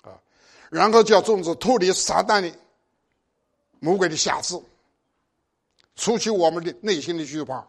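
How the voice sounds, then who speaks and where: High-voiced older preacher, exhorting. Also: male voice, normal speed, pauses often. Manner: exhorting, with pointed rhetorical questions. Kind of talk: sermon.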